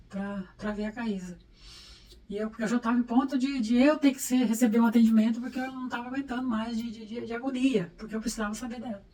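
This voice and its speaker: Fast, anxious middle-aged Brazilian woman. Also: fairly high pitch, mellow, far from the mic, low-quality recording. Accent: Brazilian Portuguese. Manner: anxious, fast, stumbling repeats. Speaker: interviewee, mother. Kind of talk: personal storytelling.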